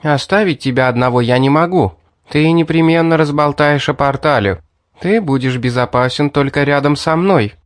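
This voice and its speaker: A man's voice: on the high side, moderate pace, dry recording, clean studio sound, voice pushed up, lightly acted. A man voicing a scheming young woman from a fantasy audiobook who coaxes, mocks and threatens. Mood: threatening. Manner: mocking, coaxing and threatening. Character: scheming young woman, sweetly coaxing and cold.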